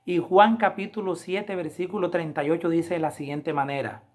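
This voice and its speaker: A woman preaching a Bible lesson review, with emphatic, repetitive appeals to her listeners, slowing down to read scripture. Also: lowish voice, fairly even intonation, a little mellow. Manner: slows down to read scripture aloud. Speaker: Adventist Bible lesson teacher.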